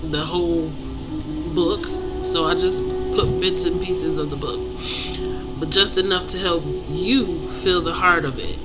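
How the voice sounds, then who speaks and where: An author and creator introduces their own book to viewers, speaking earnestly and inspirationally in short, halting phrases broken by pauses. The mid-range voice keeps fairly even intonation. The recording is rough, with loud music playing behind it.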